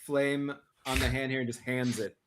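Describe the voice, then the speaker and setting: A man's voice: mid-range voice, steady tone, normal speed, noisy background. Upbeat joking male player. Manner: enthusiastic, joking, stammering restarts. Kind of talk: in-character tabletop role-play.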